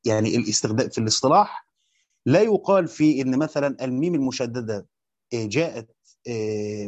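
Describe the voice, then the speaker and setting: A man's voice: medium pitch, a little mellow, no room sound. Egyptian man teaching grammar, dry close sound. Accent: Egyptian Arabic. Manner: reads a passage aloud, then explains it in colloquial speech; hesitant, with frequent fillers and restarts. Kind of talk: grammar lesson on a classical text. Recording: dull, muffled sound.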